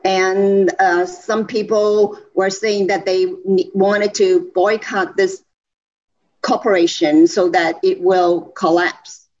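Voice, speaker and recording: A woman interpreting a sermon phrase by phrase, slow and measured with small hesitations, heard over a muffled phone line. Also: mid-range voice, steady tone, darkish tone.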